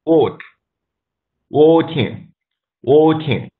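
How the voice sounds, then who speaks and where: A man, a student in an online class, reading single English words slowly and carefully. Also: fairly high pitch, animated. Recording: muffled online call audio.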